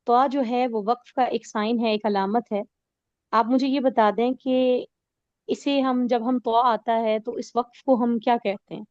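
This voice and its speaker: A woman's voice: on the high side, fairly even intonation, darkish tone, no echo, highs cut off. A woman teaching an online recitation class, explaining rules patiently with everyday examples and checking that her students follow.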